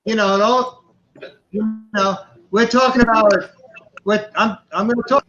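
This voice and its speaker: A man on a remote call that keeps breaking up into choppy audio, speaking haltingly and restarting his sentences in a panel discussion. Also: high voice, steady tone, a bit bright, soft background music. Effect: choppy internet call audio breaking up. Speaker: roundtable panelist. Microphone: remote online call. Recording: muffled lo-fi call with faint noise.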